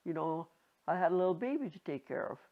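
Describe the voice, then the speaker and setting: A very old woman in her nineties reminiscing casually, halting and rambling, with a creaky aged voice. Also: on the low side, very animated. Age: 90s. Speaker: interviewee. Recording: dull lo-fi home recording.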